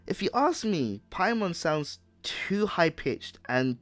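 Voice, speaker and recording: A man's voice: fairly high pitch, very animated, slow pace, fairly bright tone, no room sound. A man hosting a casual podcast chat, rambling with repeated words and frequent laughs. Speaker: podcast host.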